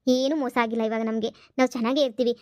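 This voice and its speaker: A woman voicing a caring middle-aged mother and wife in a cartoon, speaking in a soothing, gently coaxing way. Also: on the high side, fairly even intonation, fast, dry recording, studio quality, natural voice. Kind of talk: cartoon voice acting.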